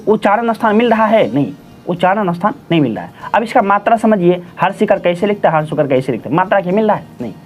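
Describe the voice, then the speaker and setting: A teacher giving a patient grammar lesson, repeating each definition and answering their own questions while addressing listeners as friends and children. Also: medium pitch. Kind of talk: classroom-style grammar lesson. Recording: dull lo-fi audio with faint music.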